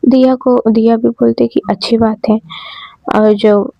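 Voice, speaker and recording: A woman's voice: on the high side, flat delivery, unhurried, gravelly, no room sound, highs cut off. A woman casually narrating a romance audio story, chatty and speaking to her listeners. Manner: chatty, addresses listeners directly.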